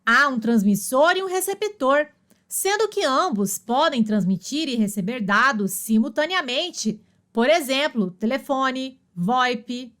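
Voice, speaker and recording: A woman's voice: high voice, lively intonation, measured pace, a bit bright. A woman reading study notes as scripted narration, saying terms and examples in short phrases.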